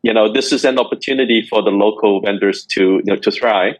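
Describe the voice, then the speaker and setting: Low-voiced middle-aged man from Hong Kong. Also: no room sound, rough recording. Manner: measured, with many fillers. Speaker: guest, company executive. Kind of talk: interview answers.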